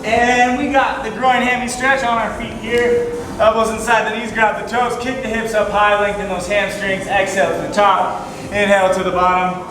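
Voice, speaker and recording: A man with a high voice coaches a workout as an aerobics instructor, calling out exercises and motivating the team. His delivery is instructional, built on cues and counts. The sound is heavily echoing, like a big hall, with clear music behind him. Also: level tone, moderate pace. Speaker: fitness coach. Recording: very echoey hall, far mic, music behind.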